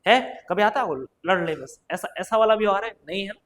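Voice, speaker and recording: A high-voiced man teaching an exam-prep class. He keeps asking the class questions and answering them himself, peppering his lesson with little checks like "right?". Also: quick pace, a bit bright. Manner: questions then answers himself, frequent "ठीक है" and "है ना". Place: coaching classroom or studio.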